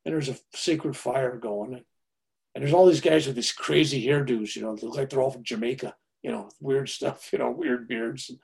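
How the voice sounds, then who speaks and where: A man animatedly telling a personal story in casual talk, swinging from loud to hushed. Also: medium pitch, fairly even intonation, normal speed, creaky.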